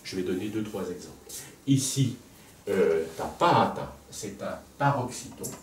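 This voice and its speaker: A man teaching a music lesson at a blackboard, pausing to think aloud and repeating words to show where the stress falls. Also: lowish voice, a little mellow. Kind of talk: lecture at a blackboard. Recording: echoey room, voice from a distance, faint background noise.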